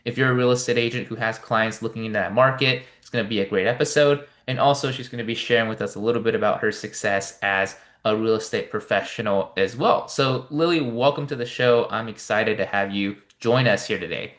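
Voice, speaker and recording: A man's voice: lowish voice, a little fast, hardly any pauses, a bit bright. A man hosting an interview show, rambling through his questions with plenty of "you know". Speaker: podcast host. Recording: echoey room.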